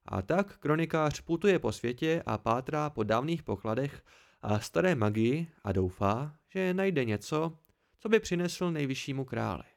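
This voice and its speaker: A man narrating an amateur audiobook in a plain, even reading voice. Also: fairly high pitch, creaky.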